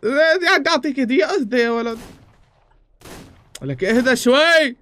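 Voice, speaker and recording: A man's voice: very high voice, lively intonation, moderate pace, fairly bright tone. A man hosting casual gameplay chat over voice chat, pleading, swearing oaths and laughing a lot. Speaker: gaming channel host.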